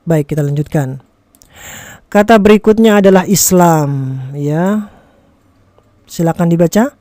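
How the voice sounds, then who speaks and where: A teacher with an Indonesian accent giving a tutorial lesson, explaining deliberately and repetitively with frequent check-in tags and carefully enunciated example words. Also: medium pitch, dark tone, no room sound, studio quality. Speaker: Quran reading teacher. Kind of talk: tutorial lesson addressed to viewers.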